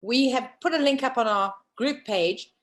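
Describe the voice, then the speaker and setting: A woman hosting a casual live online talk show, bossy and teasing, quick to laugh. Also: a little high. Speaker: host. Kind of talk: casual chat.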